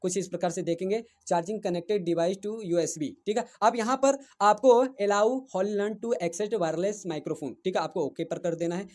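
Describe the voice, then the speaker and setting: A man's voice: sits high, unhurried, hardly any pauses. A man giving a casual step-by-step tech tutorial, checking in often with his viewers as he explains settings. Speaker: tech reviewer. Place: indoors, in front of a running fan. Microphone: wireless lapel mic.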